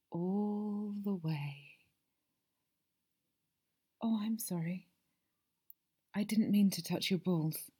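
A woman speaks in a soft, soothing ASMR roleplay as a masseuse, drifting between a hushed voice and whispers. Her tone is breathy and mellow, a little low, and she takes her time over every phrase.

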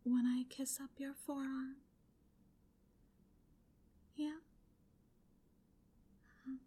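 A woman's voice: sits high, little pitch movement, extremely slow, warm tone. A woman in a whispered ASMR roleplay, speaking in an intimate, commanding whisper.

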